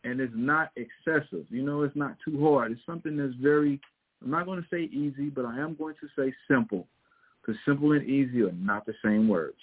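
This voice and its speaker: A man's voice: medium pitch, fairly quick, breathy edge. A man with a Missouri twang giving casual, motivational coaching advice in a folksy, emphatic way, repeating his key points. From Missouri, United States. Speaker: fitness and weight loss coach. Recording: thin phone-like audio.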